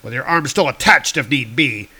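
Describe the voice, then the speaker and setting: A man voicing a proud, hot-tempered male god from a comic, speaking in booming archaic declarations. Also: normal speed, bright, forceful tone, husky. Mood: angry commanding.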